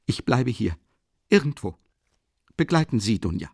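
A man's voice: medium pitch, big pitch swings, normal speed, vocal fry, a little mellow, no echo, studio quality, voice pushed up. A man reading the part of an anxious middle-aged mother who speaks fearfully and pleadingly. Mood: desperate.

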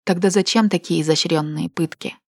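A woman's voice: fairly low pitch, steady tone, brisk, a little mellow, no room sound, studio quality. A woman reading the lines of a wounded, indignant young woman in a heated, emotional, accusing way. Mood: pained.

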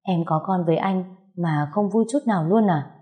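A woman voicing a gentle, teasing young husband in an audio story, speaking in a soothing manner. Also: on the low side, moderate pace, close to an everyday voice.

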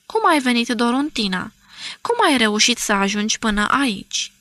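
A woman narrator voicing a gentle, troubled man who questions softly and in a hushed voice in a storybook reading. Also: on the high side, dry recording, studio quality. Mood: soft, anxious.

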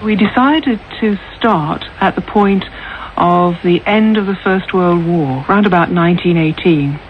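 A woman's voice: lowish voice, measured pace. A woman presenter explaining her programme in a radio interview. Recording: tinny, noisy radio broadcast.

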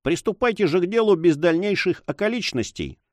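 A man's voice: high-pitched, animated, fairly quick, no room sound, pitched above the performer's own voice. A man voicing a proud but frightened army major who speaks tensely and indignantly in an audiobook. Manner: tense, indignant, then faltering. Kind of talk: audiobook character voice.

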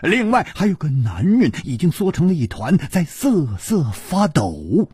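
一位男性说书人，生动地演播武侠小说。. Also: male voice, fairly high pitch, unhurried, slightly rough, no echo, studio quality. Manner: expressive, vivid, lively. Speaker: storyteller. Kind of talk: Chinese novel storytelling narration.

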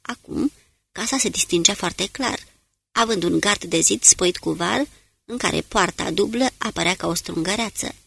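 A woman narrates an audiobook in an even, measured way. Her voice is slightly husky, sitting at a middle pitch. It is recorded in a very dry room. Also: no room sound. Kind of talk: scripted narration.

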